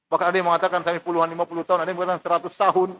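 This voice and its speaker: A male preacher at a mosque giving a Quran commentary lesson, animated, acting out mocking townsfolk in lively asides. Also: high-pitched, racing, lo-fi sound. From Indonesia. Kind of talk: mosque study sermon.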